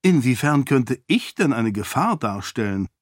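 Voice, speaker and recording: A man voicing a quick-witted young princess in an audiobook, in a slightly raised, lively voice. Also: medium pitch, no room sound, clean studio sound. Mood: spirited. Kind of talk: audiobook character voice.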